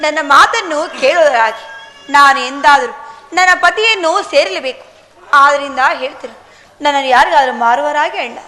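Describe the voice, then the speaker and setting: A woman's voice: high voice, expressive, moderate pace, sharp tone, long reverb tail. A woman playing a proud, honest mother who speaks to her brother with a Kannada accent in earnest, declamatory stage speech. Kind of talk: village stage drama.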